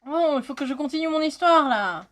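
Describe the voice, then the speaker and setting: Brief: bright high-pitched woman from France, casual vlog teacher, chatty, jokey, swears a bit. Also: animated, a little fast, a little hiss or hum. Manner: chatty, swears, jokes with friend. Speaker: video host teaching Khmer.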